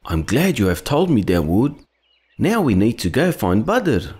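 A man's voice: mid-range voice, very animated, a little slow. A man voicing a kind, wise cartoon friend who guides children in an earnest, encouraging, instructive way. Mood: friendly. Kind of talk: children's educational cartoon acting.

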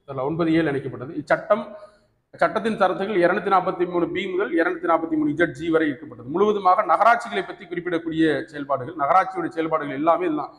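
A man's voice: fairly high pitch, quick pace, fairly bright tone. Tamil-accented male teacher in an echoey hall. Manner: keeps asking "right?" to check understanding; mixes English terms into his speech. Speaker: exam coaching teacher. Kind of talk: classroom exam lecture.

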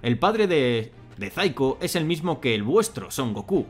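A man's voice: medium pitch, sing-song, a little slow, faint music behind. A man voicing a proud, scheming female goddess in a haughty tone while reading a fan manga.

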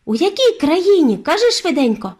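A woman's voice: high-pitched, big pitch swings, moderate pace, darkish tone, voice pushed up. A woman reading an audiobook and voicing an eager, impatient young boy who has been turned into a mouse.

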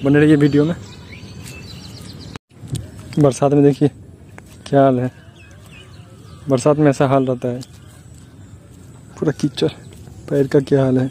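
A man's voice: medium pitch, flat delivery, measured pace, pauses often, warm tone, slight background noise. Young man vlogging outdoors by phone. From Bihar, India. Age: young adult. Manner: chatty, complaining, explains step by step. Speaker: village vlogger. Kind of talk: casual vlog to camera. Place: outdoors at a building site and rice fields. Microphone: phone held at arm's length.

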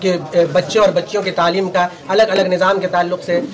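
A man's voice: high voice, little pitch movement, brisk. A man from a community organization speaks formally to a news camera, using flowery phrasing, in an indoor hall among people. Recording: crowd noise behind.

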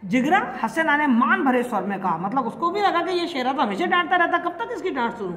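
A woman's voice: high-pitched, fairly quick. Fields: Woman teacher explaining a story. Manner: explanatory. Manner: explanatory, repeats and paraphrases, lively. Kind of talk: explaining a literature text. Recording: echoey room with long reverb, faint hiss.

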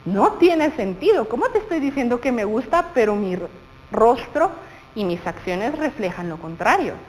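A woman with a Guatemalan Spanish accent teaches children on TV, her voice fairly high and full of movement. She speaks slowly and expressively, putting questions straight to the viewer. A light reverb and faint hiss sit behind her. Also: big pitch swings, a little mellow. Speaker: primary school teacher. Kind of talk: television lesson for children. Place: TV studio.

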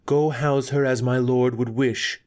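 A man's voice: medium pitch, steady tone, a little slow, darkish tone, voice pushed up, natural voice. A man voicing a young woman devoted to a wounded lord, who speaks anxiously and pleadingly. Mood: cold, measured.

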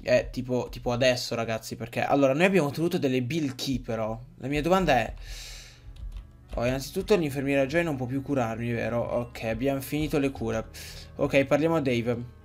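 A man's voice: mid-range voice, a little fast, soft background music. A man playing a horror game, joking, swearing and talking to his viewers as he reads out the dialogue. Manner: jokey, swears, addresses viewers as guys. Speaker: let's play gamer. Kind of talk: casual gameplay commentary and reading game dialogue aloud.

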